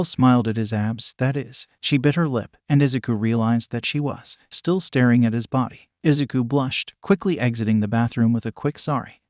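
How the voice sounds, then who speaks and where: A man's voice: medium pitch, a little mellow, no room sound, clean studio sound. A synthetic male voice reading fan fiction aloud evenly, saying ellipses out as words.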